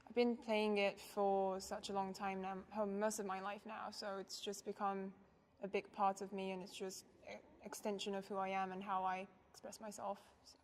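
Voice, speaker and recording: A young woman from Japan answers interview questions in a thoughtful, soft-spoken way. Her voice sits at an ordinary middle pitch, and she often laughs lightly. A faint hiss runs under the recording. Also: little pitch movement, normal speed. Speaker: interviewee, violinist.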